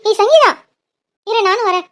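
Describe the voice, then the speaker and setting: A woman's voice: high voice, normal speed, close to an everyday voice. A woman voicing a cheerful young female college student in a cartoon, chatty and teasing. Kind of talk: cartoon dialogue.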